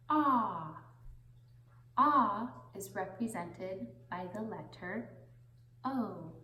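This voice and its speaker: Young woman teaching in slow singsong. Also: fairly low pitch, pushed and bright. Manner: slow, deliberate singsong with pauses for repetition. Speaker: preschool teacher. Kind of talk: children's phonics lesson addressed to the viewer. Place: indoor classroom, seated on the floor. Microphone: camera a few metres away. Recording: roomy echo from camera distance.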